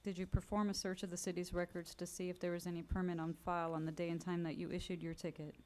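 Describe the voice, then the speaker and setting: A woman acting as city prosecutor, reading case details and questioning a witness in a flat, procedural way, heard in a courtroom hearing recording. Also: lowish voice, fast talker. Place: hearing room.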